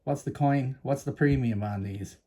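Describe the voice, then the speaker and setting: A warm-toned, medium-pitched man speaks at a normal speed. He's the Canadian host of a coin-collecting channel, talking straight to his viewers with chatty enthusiasm in a casual show-and-tell vlog.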